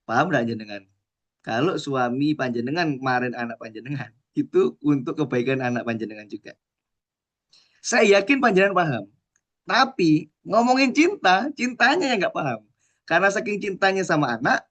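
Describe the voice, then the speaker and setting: A man's voice: on the high side, normal speed. A man, preaching a sermon and telling stories that he acts out, asking the audience questions as he goes. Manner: lively storytelling preacher who acts out quotes and asks the audience questions. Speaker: Islamic preacher.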